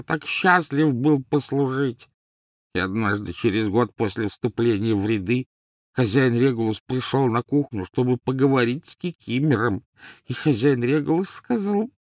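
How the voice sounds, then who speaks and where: A man voicing an old, servile male house-elf who croaks and wheezes, dragging his words out in a wail. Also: medium pitch, dry recording, studio quality, pitched above the performer's own voice, natural voice. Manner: wails and drags words out slowly. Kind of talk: audiobook character voice.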